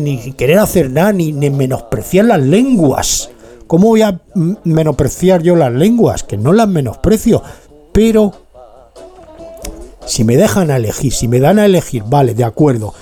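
Male radio host, slightly high voice, chatty and digressive. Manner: chatty, digressive, animated asides. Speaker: radio host playing music. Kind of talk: rambling casual monologue.

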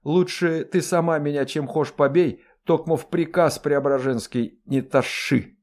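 A man's voice: a little high, a little slow, a little mellow, pitched above the performer's own voice, close to an everyday voice. A man voicing a servile peasant dwarf woman who wails and pleads with her mistress. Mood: wailing. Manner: wailing, pleading, fawning.

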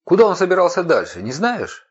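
A man's voice: sits high, wildly swooping pitch, a little fast, slightly rough, pitched above the performer's own voice, exaggerated voice. A man voicing a fierce, jealous young woman who leads desert raiders, hissing and snarling her lines in a storybook reading. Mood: cold, clipped. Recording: dull lo-fi recording.

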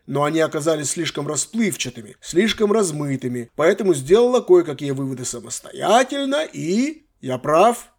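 A man playing a cold, stern old archmage grandfather who speaks in an unhurried, commanding way. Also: a little high, a little mellow.

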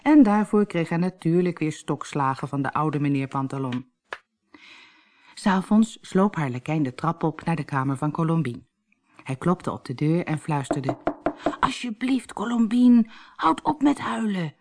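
A woman with a Dutch accent reading a fairy tale aloud in an expressive storytelling way. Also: low-pitched, moderate pace. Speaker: narrator.

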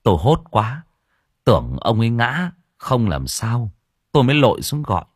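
A man's voice: medium pitch, very animated, moderate pace, breathy edge, no echo, studio quality, pitched above the performer's own voice. A man voicing a shaken male villager telling how he found the body, in an audio story.

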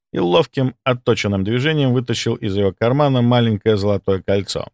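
A man reading a first-person audiobook in a dry, ironic tone. His pitch moves lively up and down. The recording is close and dry. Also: gravelly, no room sound. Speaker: audiobook narrator.

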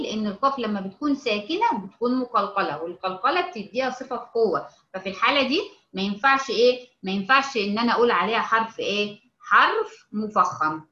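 A woman with an Egyptian Arabic accent teaching a tajweed lesson, explaining slowly, checking often that her students follow, and drawing out each example word. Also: medium pitch, sharp tone, echoey room, muffled recording. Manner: stretches out example words when reciting them. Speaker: Quran recitation teacher.

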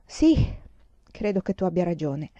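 Calm patient mom, soft mellow voice, resigned, dull-ish recording, woman reading her. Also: lowish voice, moderate pace, no echo. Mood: gentle. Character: patient, resigned young mother.

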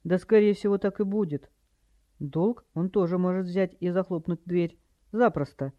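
A man's voice: sits high, normal speed, no echo, lightly acted. A man reading an audiobook, voicing a practical, resolute teenage girl who speaks matter-of-factly, in a dry, slightly dull recording.

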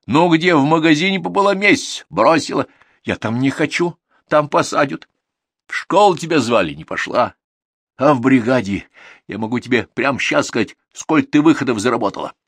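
A man voicing a big, stern older male farm manager who scolds in a raised, loud voice in an audiobook. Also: medium pitch, expressive, normal speed, breathy edge, no room sound, pitched above the performer's own voice. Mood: scolding. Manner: scolding, exasperated.

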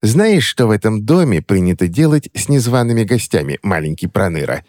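A man's voice: on the low side, very animated, a little fast, no room sound, clean studio sound, voice pushed up. A man voicing a suspicious, cranky old woman who threatens and snaps at an intruding boy, in a storybook reading. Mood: suspicious scolding. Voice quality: sharp, snapping, mocking.

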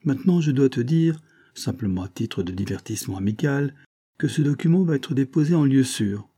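A man's voice: medium pitch, expressive, fairly quick, warm tone, voice pushed up. A man voicing a sly, smug fairground showman who patronizes and blackmails his accomplice. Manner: smooth, mocking, patronizing.

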